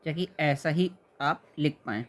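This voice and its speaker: Man teaching spelling, fairly high voice. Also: a bit bright. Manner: explains patiently, repeats words slowly and checks understanding. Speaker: exam prep teacher. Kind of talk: spelling lesson for exam students.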